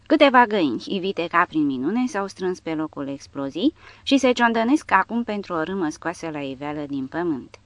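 A woman reading an audiobook aloud as scripted narration, lifting her voice for shouted lines. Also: fairly low pitch, lively intonation, dry recording. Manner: reads dramatically, raising voice for shouted quotes.

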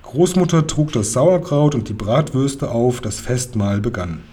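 A man narrating a children's storybook aloud in a lively, expressive way. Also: mid-range voice, measured pace. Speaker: audiobook narrator.

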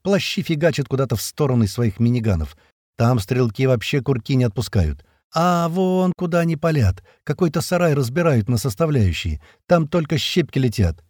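A man's voice: medium pitch, very animated, brisk, breathy edge, no room sound, studio quality. A man reading a first-person action audiobook in a vivid, tense storytelling manner. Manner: vivid, tense storytelling that voices the soldiers' shouts. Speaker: audiobook narrator.

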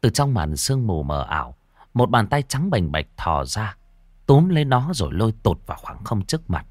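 A man narrating a ghost story in an expressive, dramatic way, dropping to hushes and rising again. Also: on the low side, moderate pace, no room sound, clean studio sound. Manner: expressive, swinging between hushed and loud.

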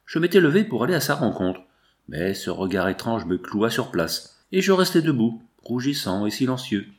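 A man reading a classic adventure novel aloud in a measured, dramatic way. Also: mid-range voice, very animated. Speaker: audiobook narrator.

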